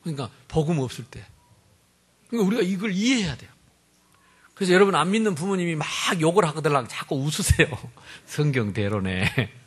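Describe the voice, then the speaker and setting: Male pastor, sermon. High voice that jumps all over, swinging loud to soft, joking with the room. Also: brisk, husky. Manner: animated, humorous preaching, swinging from loud to soft.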